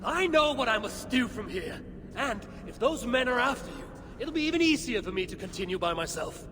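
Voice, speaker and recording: Eivor, brash husky Viking woman. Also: fairly high pitch, animated, fairly quick, a bit bright. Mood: defiant. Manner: blunt, defiant. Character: brash, stubborn, proud female Viking warrior. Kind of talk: dramatic video game cutscene acting. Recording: echoing game scene with clear ambient noise.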